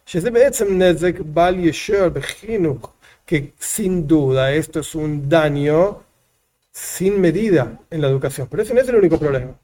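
Warm-voiced man giving a religious lesson. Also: on the high side, expressive, unhurried. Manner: reads a line aloud, then explains it with repeated examples. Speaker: rabbi teaching a text. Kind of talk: religious lesson, reading Hebrew and explaining in Spanish.

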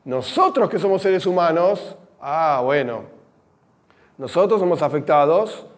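A man with a Rioplatense accent teaches a religious lesson in a high voice that moves around a great deal. He is animated, acts out examples, and mixes Hebrew terms into his Spanish explanations. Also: measured pace. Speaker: Torah teacher. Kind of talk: religious text lesson to girls.

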